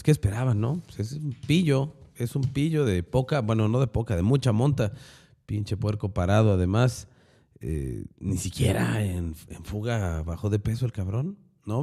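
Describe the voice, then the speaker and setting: A man's voice: medium pitch, a little mellow. A man with a Mexican accent hosting a news podcast, giving opinionated commentary with sarcastic, crude slangy asides.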